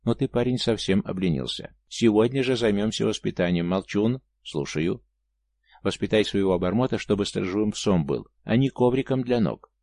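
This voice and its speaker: A man reading as a gruff, bossy boat chieftain in a storybook, low and gravelly. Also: expressive, normal speed, a little mellow, no echo. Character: commanding gruff male ataman, boat leader.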